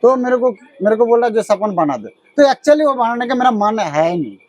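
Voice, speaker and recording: A man's voice: very high-pitched, lively intonation, normal speed, darkish tone, dry recording, highs cut off. A man who runs an idol workshop, speaking with a Chhattisgarh accent in an earnest, insistent way and often repeating himself. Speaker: idol maker and shop owner. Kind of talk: casual interview.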